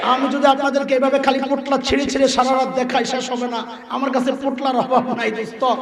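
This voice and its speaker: A man's voice: very high-pitched, flat delivery, fast talker. A man preaching an Islamic sermon to a crowd, quizzing the audience call-and-response style and acting out voices. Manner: acts out voices in quotes. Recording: echoey hall from far off.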